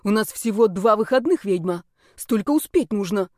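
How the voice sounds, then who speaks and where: A woman voicing a pushy, fashion-obsessed male snake creature who bosses and teases loudly. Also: medium pitch, animated, normal speed, dry recording, studio quality, close to an everyday voice. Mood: bossy. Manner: bossy, shouting, teasing.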